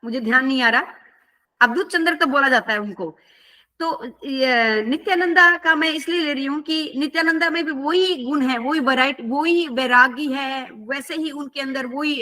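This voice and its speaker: A woman's voice: high-pitched, moderate pace, bright, forceful tone. A woman teaching a scripture class, telling a story conversationally and asking her listeners questions.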